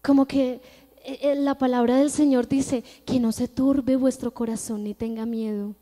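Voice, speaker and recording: A woman's voice: high voice, little pitch movement, normal speed, dark tone. Woman preaching in an echoing church. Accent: Colombian Spanish. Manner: earnest, storytelling, emphatic. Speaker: church speaker giving testimony. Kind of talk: testimony sermon. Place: church hall. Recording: long church-hall reverb.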